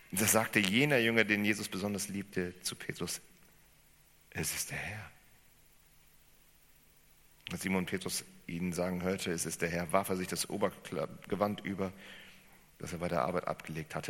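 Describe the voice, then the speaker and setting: A man preaching a sermon as pastor, speaking with animated emphasis and putting questions to his congregation. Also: low-pitched. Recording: reverberant hall.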